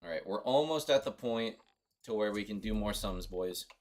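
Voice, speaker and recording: A man's voice: fairly low pitch, lively intonation, normal speed, darkish tone. Chatty young man streaming a game. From Costa Rica. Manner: rambling, chatty and offhand. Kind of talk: casual livestream commentary.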